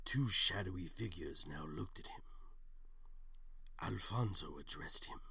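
A man narrating a scripted comedic story in a deadpan, often hushed way, close to the mic. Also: sits low, a little slow, vocal fry, breathy edge, no echo.

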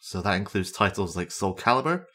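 A young man with a fairly low voice hosts a podcast on his own. He chats casually about games, rambling along with plenty of fillers and the odd self-deprecating aside. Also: expressive, a little fast, bright, forceful tone. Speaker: podcast host.

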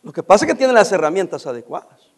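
A middle-aged man with a Mexican Spanish accent spins a casual anecdote, his voice sitting unusually high for a man. His delivery swings widely up and down as he acts out each character's lines. He laughs along with his own story. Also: fast talker. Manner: animated, acts out dialogue, laughs while telling.

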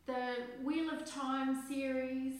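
A woman's voice: high-pitched, little pitch movement, slow. A middle-aged woman chatting casually about books as a panellist on a podcast. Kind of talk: casual book chat on a podcast. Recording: very echoey room, faint noise.

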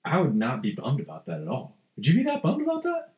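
A man's voice: medium pitch, huge pitch swings, fast talker, reverberant, muffled recording. A man co-hosting a podcast, laid-back and joking in casual chat.

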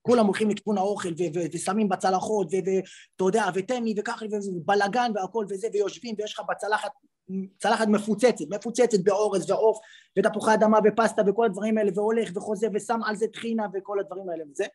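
Ex-footballer guy on a podcast, kinda high husky voice, rambling story full of fillers. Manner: lively storyteller with many fillers and restarts. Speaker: podcast guest, former footballer. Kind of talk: animated anecdote telling in conversation.

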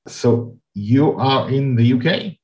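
A man's voice: mid-range voice, expressive, takes it slowly, a little mellow. A man hosting a podcast, talking in a casual interview chat. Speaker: podcast host. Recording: echoey, dull lo-fi room sound.

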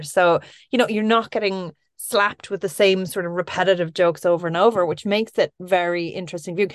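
A woman's voice: mid-range voice, no room sound, clean studio sound. A woman hosting a podcast, chatting enthusiastically with a guest. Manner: enthusiastic, gushing. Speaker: podcast host. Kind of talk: casual interview chat.

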